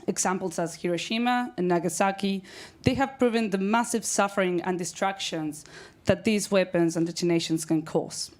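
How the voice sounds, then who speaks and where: Earnest, low-voiced woman from Argentina. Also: moderate pace, a little mellow. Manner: earnest, with frequent ums and light laughs. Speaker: speaker, law student. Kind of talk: prepared speech at an event.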